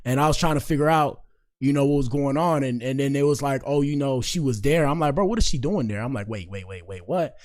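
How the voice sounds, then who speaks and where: A man in his late twenties hosts a casual livestream, chatting loosely and calling out viewers in the chat. His voice sits at an everyday middle pitch. The sound is dry and close, with no room around it. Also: fairly quick, no echo. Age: 20s. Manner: chatty, addresses chat with shout-outs. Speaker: livestream host.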